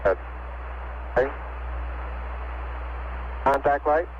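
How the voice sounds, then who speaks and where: A man's voice: a little high, animated, extremely slow. A man giving clipped, matter-of-fact callouts over a crackly space radio transmission, heard in an archival recording. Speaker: astronaut and mission control radio voices. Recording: dull lo-fi archival radio with music under it.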